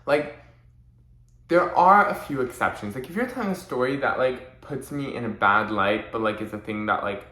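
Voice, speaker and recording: A man's voice: medium pitch, lively intonation, normal speed, bright, forceful tone. A young man talking casually in a vlog, rambling and saying "like" constantly while acting out friends' mocking voices. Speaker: vlogger. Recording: echoey room.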